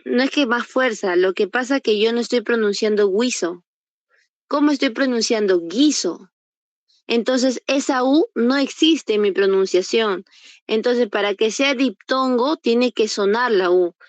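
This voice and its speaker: A woman's voice: fairly high pitch, moderate pace, no room sound. A woman teacher giving an online class, patiently sounding out example words and quizzing her students. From Peru. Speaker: university entrance prep teacher. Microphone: computer mic on a video call.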